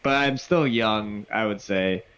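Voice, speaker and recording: A man's voice: fairly low pitch, unhurried, clear, resonant tone. A man, co-hosting a podcast and telling stories candidly, with swearing. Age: 20s. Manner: candid, swearing, animated storytelling. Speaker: podcast co-host. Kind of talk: casual chat.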